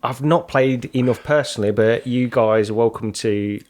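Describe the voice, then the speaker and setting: An easygoing man with a mid-pitched voice co-hosts a podcast. He agrees readily and keeps the chat moving in a relaxed tone. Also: moderate pace. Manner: easygoing, agreeable, steers the conversation. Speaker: podcast co-host.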